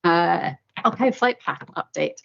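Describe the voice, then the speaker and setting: A woman with a Glaswegian accent presents an update at a formal-ish meeting. Her voice sits fairly low with a noticeable creak, and she pauses often as she goes. The sound is slightly dull. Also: animated, fairly bright tone.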